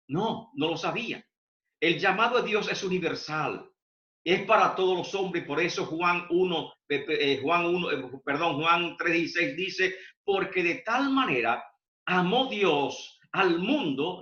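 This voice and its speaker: A male pastor leads a Bible study, explaining step by step and dropping "amén" between phrases. His voice is bright and forceful, a little higher than most men's. The recording is roomy and dull, with a lo-fi edge. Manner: teaching, with frequent "amén" and self-corrections. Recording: echoey room, dull lo-fi sound.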